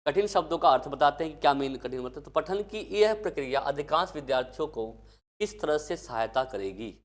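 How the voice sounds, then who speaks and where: A man's voice: a little high, expressive, fairly quick. A male teacher giving an exam-prep lecture, asking questions and answering them himself. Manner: asks questions and answers them himself, addresses students as kids.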